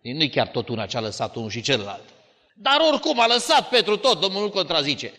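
A male preacher giving a sermon in a church hall, in an animated storytelling style with dramatic swings. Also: on the high side. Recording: long church-hall reverb.

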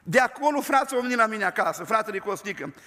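High, bright older preacher in a reverberant hall. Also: male voice, animated. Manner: emphatic, slows words for stress. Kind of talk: storytelling sermon. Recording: long reverb of a large hall.

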